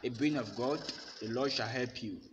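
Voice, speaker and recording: A man's voice: medium pitch, highs cut off. A young man, a pastor, preaching a sermon to his phone camera in a bare room, with emphatic, repeated declarations. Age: young adult. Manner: emphatic, repetitive declarations, slow deliberate delivery. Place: bare indoor room with plain walls. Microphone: phone held at arm's length. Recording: phone recording with long reverb and faint room noise.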